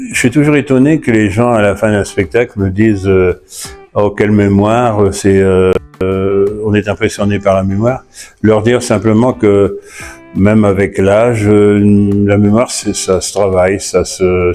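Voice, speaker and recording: A man in his seventies, a retired teacher, speaking slowly and hesitantly in an interview. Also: lowish voice, steady tone. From northern France. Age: 70s. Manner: slow, hesitant, many fillers. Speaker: retired teacher and patois performer. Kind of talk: interview testimony. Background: soft guitar music.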